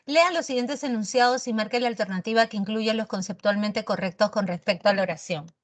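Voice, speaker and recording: A woman teaching an online grammar class in a lively, teasing, slangy way. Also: medium pitch, a little fast.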